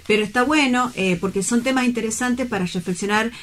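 With an Argentine accent, a woman hosts a round-table radio program, leading a casual discussion in a reflective way and often checking for agreement with little tag questions. Her voice is fairly high, and she talks fairly quickly.

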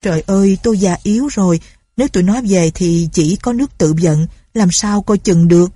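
A woman's voice: mid-range voice, fairly quick, mellow, breathy edge, dry recording, studio quality, close to an everyday voice. A woman voicing a timid, frightened old male servant who frets and pleads. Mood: fearful. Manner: pleading, fretful.

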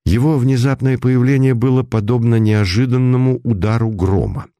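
A man reading an audiobook in scripted narration, measured and expressive. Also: mid-range voice, no echo, clean studio sound.

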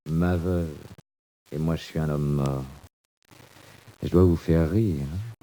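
An actor playing a proud, despairing condemned prisoner in a 1940s radio drama, speaking theatrically. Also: male voice, a bass voice, slow, warm tone. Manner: theatrical, swinging from bitter murmurs to cries.

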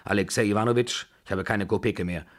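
A man voicing an imperious, quick-tempered old grandmother in a radio drama reading, scolding and giving orders. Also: on the low side, lightly acted. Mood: commanding. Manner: scolding, commanding, abrupt.

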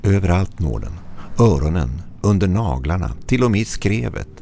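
A man's voice: low-pitched, big pitch swings, creaky, mellow, a little hiss or hum. A man narrating a first-person horror story in short, tense, clipped phrases.

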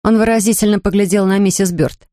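A woman narrating a children's storybook with a lively, expressive reading. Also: mid-range voice, fast, dry recording, studio quality. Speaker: audiobook narrator.

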